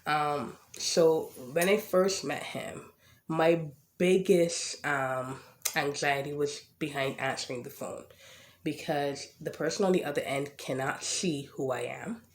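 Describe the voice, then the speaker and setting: A podcast host with a stutter and a slight lisp talks casually about personal experience, repeating words now and then and filling gaps with frequent "um" and "right?". The voice is medium in pitch and slow, recorded in an echoey room.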